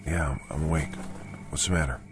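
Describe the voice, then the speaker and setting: A troubled army sergeant with a very low voice. He stays respectful yet firm and earnest. Clear music runs behind the radio drama. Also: fairly quick. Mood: weary. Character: earnest army tank sergeant, uneasy and insistent.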